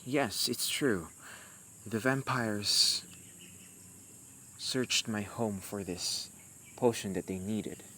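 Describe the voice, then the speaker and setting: A man voices a young warlock in an amateur romantic roleplay audio drama, speaking very slowly and haltingly in a low-ish, fully acted character voice. He sounds guarded and subdued, soft-spoken and intimate as he addresses the listener. The noisy recording carries crickets and night forest ambience.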